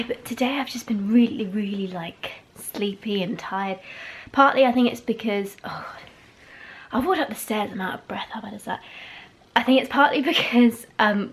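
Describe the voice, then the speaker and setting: A woman's voice: medium pitch, rough recording. Young woman, casual handheld home vlog, meandering and self-correcting. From England. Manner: chatty, rambling, self-correcting. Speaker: vlogger. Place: home and garden.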